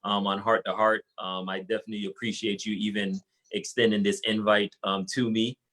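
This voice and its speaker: A man's voice: on the low side, flat delivery, a little fast, fairly bright tone, rough recording. A young man from Haiti, a guest entrepreneur, talking casually and earnestly with many fillers and restarts in an interview. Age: young adult.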